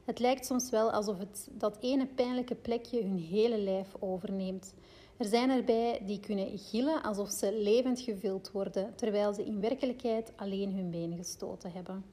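A woman with a Flemish accent reads steadily from a parenting book, then drifts into loose personal asides packed with fillers. Her voice is medium-pitched and dark in tone, at a normal speed.

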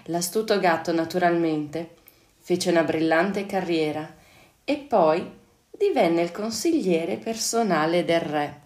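A woman teacher reading a children's fairy tale on radio, clear and unhurried. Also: fairly low pitch, a little mellow. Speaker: storyteller, teacher. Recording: echoey room.

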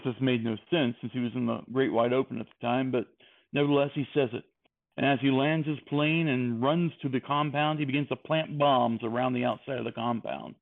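A man's voice: mid-range voice, creaky. Man rambling through a comic story, phone-like. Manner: rambling, self-correcting narration. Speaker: comedy storyteller. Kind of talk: improvised comic retelling. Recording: tinny phone-like line.

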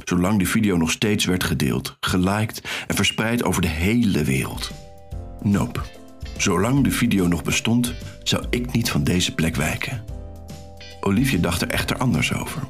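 A man's voice: low-pitched, lively intonation, normal speed, soft background music. An actor playing an anxious, self-conscious young man, narrating an audio drama in the first person with a wry, rueful manner. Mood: ashamed. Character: anxious young man, shy secret dancer. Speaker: narrator and lead character.

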